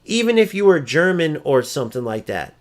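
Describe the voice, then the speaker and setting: A man's voice: a little high, big pitch swings, brisk. A man ranting over gameplay footage, exasperated, profane and mocking as he vents about an opponent. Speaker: gaming streamer.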